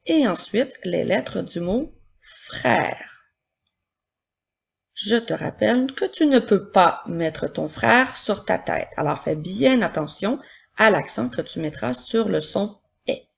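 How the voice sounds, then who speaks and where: Patient woman teacher with a gravelly voice. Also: medium pitch, lively intonation. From Quebec, Canada. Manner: slow, patient, explaining step by step to young pupils. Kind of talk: recorded spelling and dictation lesson for children.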